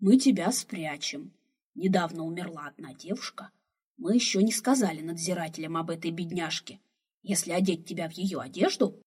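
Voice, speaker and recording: A woman reading the part of a quarrelsome, excitable old male slave who loves adventure. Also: fairly low pitch, moderate pace, slightly rough. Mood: eager. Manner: loud, scolding, excitable.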